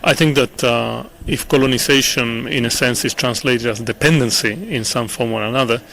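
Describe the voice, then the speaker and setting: A middle-aged man from Chile, answering interview questions in an earnest, measured way with frequent pauses and repeated words. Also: medium pitch, fairly even intonation, gravelly, fairly bright tone. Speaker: interview guest, international official. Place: conference venue.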